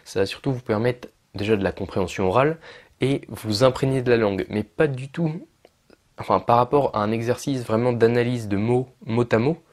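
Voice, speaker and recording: A man's voice: medium pitch, fairly quick, a little mellow. A young man explaining pronunciation steps in a casual video lesson, with frequent fillers and self-corrections. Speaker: English teacher for French speakers.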